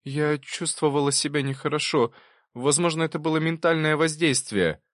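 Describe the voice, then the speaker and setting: A man's voice: fairly high pitch, normal speed, fairly bright tone, dry recording, studio quality, pitched above the performer's own voice, natural voice. A man voicing a hesitant young woman. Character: young woman, granddaughter, timid witness. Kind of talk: audiobook reading.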